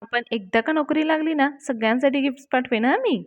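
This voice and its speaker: A woman's voice: sits high, quick pace, dull audio, voice pushed up, lightly acted. A woman playing a cheerful, teasing young woman.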